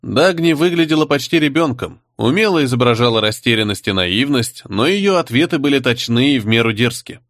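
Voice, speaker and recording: A man narrating a fantasy audiobook in an expressive storytelling manner. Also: medium pitch, fairly quick, hardly any pauses, no echo, studio quality. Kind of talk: scripted narration.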